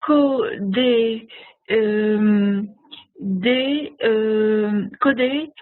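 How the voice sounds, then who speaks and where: A woman student reading aloud haltingly in an online lesson, sounding out syllables and apologizing. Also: fairly high pitch. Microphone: online call. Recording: tinny webinar audio, phone-like.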